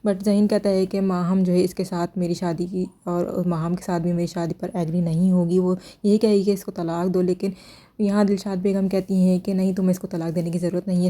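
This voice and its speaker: Flat, dark-voiced woman recapping a drama. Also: fairly low pitch. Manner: steady retelling of scenes with critical asides. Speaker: drama reviewer. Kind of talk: drama episode recap and review.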